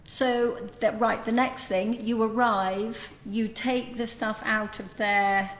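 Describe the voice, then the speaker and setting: A woman's voice: on the high side, steady tone, takes it slowly, reverberant, poor audio. A woman hosting a casual chat, curious and chatty, asking a guest about packing. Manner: curious, chatty, asks questions. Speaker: host.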